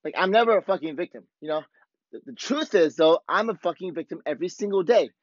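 A hoarse man with a worn-out voice hosting a podcast, talking casually and candidly in a rambling, profanity-heavy motivational monologue. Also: high-pitched, animated, fast talker. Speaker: podcast host. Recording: dull, lo-fi, roomy echo.

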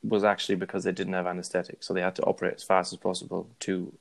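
Low, creaky-voiced man chatting. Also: monotone, rapid-fire. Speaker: podcast co-host. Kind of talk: casual chat.

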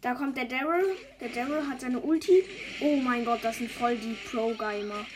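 A woman giving casual gameplay commentary, excitable, often pleading and exclaiming as she plays. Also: on the high side, moderate pace, low-quality recording. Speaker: gamer. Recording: game music behind the voice.

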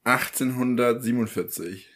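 A man's voice: medium pitch, moderate pace, fairly bright tone. A man co-hosting a casual podcast, reacting and calling out answers in a memory game. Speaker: podcast co-host and contestant.

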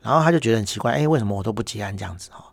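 Rapid-fire and lively in intonation, this fairly low-pitched male voice carries vocal fry and a Taiwanese Mandarin accent. He's a podcast host and business owner giving a casual, chatty monologue, telling stories wryly and with exasperation while tagging sentences with "hor." No echo is present.

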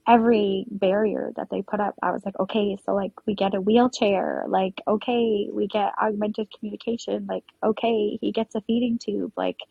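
Young woman, podcast guest, husky and a little gravelly, filler-heavy and emotional; muffled, dry sound. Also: medium pitch, dry recording. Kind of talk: personal storytelling interview.

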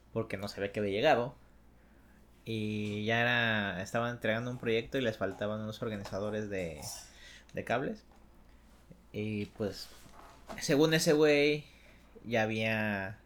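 Young man, Mexican accent, casual storytelling, slangy, animated. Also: fairly low pitch. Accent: Mexican Spanish. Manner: slangy, animated, acts out voices in anecdotes.

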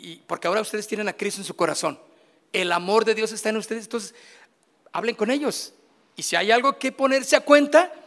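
A middle-aged Mexican pastor with a fairly high voice gives a sermon in a casual, chatty way. He keeps throwing questions at his congregation and slips in jokes. The sound carries a long reverb from the church hall. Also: fairly bright tone. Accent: Mexican Spanish.

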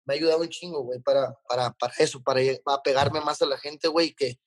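A man's voice: mid-range voice, steady tone, fast, no room sound. A man with a Mexican accent, a rapper talking casually as a guest and telling stories in sweary street slang. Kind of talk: casual chat, storytelling.

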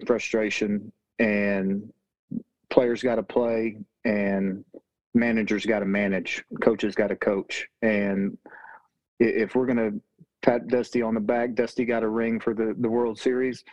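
Flat-voiced man, emphatic and critical. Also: on the low side, measured pace, no room sound, muffled recording. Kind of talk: casual sports chat.

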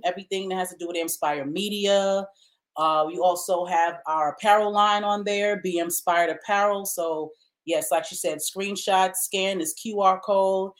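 Upbeat woman co-host, low voice. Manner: upbeat, slangy, drawn-out plugs. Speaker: podcast co-host. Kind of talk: casual podcast sign-off.

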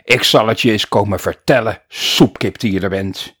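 A man's voice: fairly low pitch, normal speed, fairly bright tone, husky. A man doing a huge roaring schoolteacher. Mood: bellowing, furious. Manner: roaring insults. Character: huge bellowing furious male schoolteacher. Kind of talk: children's audiobook reading.

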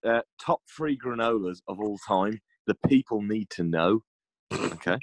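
Male co-host, low voice, joking and slangy, dry close sound. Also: measured pace, dry recording. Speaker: podcast co-host. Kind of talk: casual chat.

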